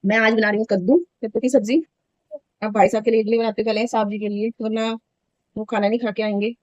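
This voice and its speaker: A woman's voice: fairly high pitch, fairly even intonation, quick pace, a little mellow, no room sound, dull audio. A woman in her thirties chatting casually in a home vlog, telling a story in an indignant, talkative way. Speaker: vlogger.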